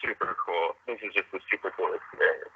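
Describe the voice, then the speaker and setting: A young man, a former host of a college radio show, chatting casually and upbeat and quick to agree. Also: sits low, steady tone, breathy edge, no room sound, narrow, tinny audio. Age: young adult. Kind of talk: casual chat.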